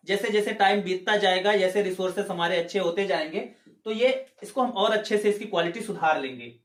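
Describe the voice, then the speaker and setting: A man with a high, brisk voice gives an exam-prep grammar lecture in an echoey room. He explains step by step, poses rhetorical questions, and checks in with his students, repeating points and asking "ठीक है".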